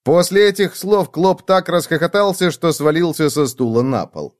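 A man narrating a children's storybook in a lively, expressive reading style. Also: fairly high pitch, moderate pace.

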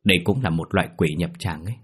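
A man voicing a grave older exorcist who gives solemn, ominous warnings in a low, husky voice. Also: fast talker.

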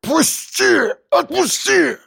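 A man's voice: very high voice, animated, drawn-out words, creaky, fairly bright tone, no echo, studio quality, voice pushed up, full character voice. A man voicing a furious, foul-mouthed middle-aged male mayor who bellows and bullies. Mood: choking. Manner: bellowing, cursing, bullying.

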